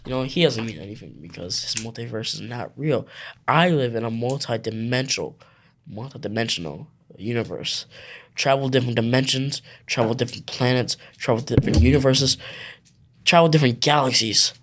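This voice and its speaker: A man's voice: medium pitch, a little fast. Boastful rambling young man, faint background noise. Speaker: podcast guest. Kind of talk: improv game role-play.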